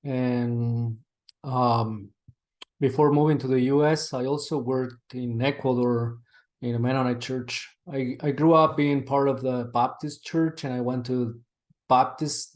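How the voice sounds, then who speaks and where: Chilean-accented male guest; casual, halting answers, plenty of fillers, heard over a video call. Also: mid-range voice, darkish tone. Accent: Chilean Spanish. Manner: halting, with many restarts and "like" fillers. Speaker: interview guest, seminary director.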